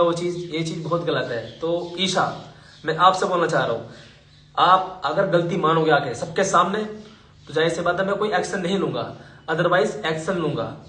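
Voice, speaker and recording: A man's voice: on the high side, fairly bright tone, reverberant, rough recording. A man vlogger and team leader, talking emphatically and indignantly to his viewers while questioning his team.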